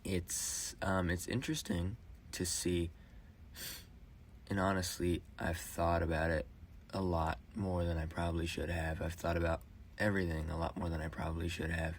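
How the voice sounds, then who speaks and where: A young man in his late teens speaks a rambling personal monologue into a phone voice memo. His talk is halting, with restarts and fillers. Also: sits low, fairly even intonation, a little hiss or hum. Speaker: vlogger.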